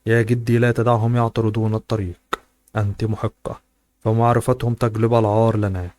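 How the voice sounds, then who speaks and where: A man's voice: fairly low pitch, level tone, a little fast, a little mellow, natural voice. A man voicing a mocking, spiteful young woman in a novel he reads aloud, in a sneering, taunting manner.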